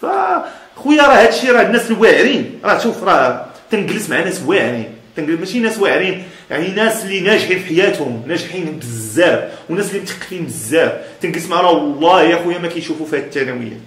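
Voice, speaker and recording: Moroccan Amazigh-accented male speaker, lively emphatic motivational talk, blunt with frequent laughs. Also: fairly high pitch, racing, reverberant.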